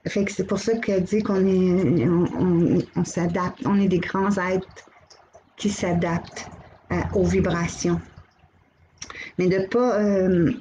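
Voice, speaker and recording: A middle-aged woman with a Québécois accent, hosting a live channeling stream, gently relaying messages and greeting viewers by name. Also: lowish voice, steady tone, takes it slowly, muffled recording, slight background noise. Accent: Québécois French. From Quebec.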